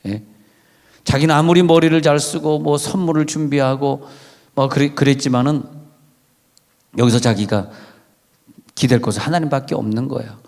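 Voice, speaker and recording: Guy pastor preaching, tells stories casual-like, bit of gravel in the voice, big echoey church. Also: mid-range voice, steady tone, moderate pace, long pauses, darkish tone. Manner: chatty storytelling with dramatized quotes. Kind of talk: sermon. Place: church sanctuary. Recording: reverberant church sanctuary.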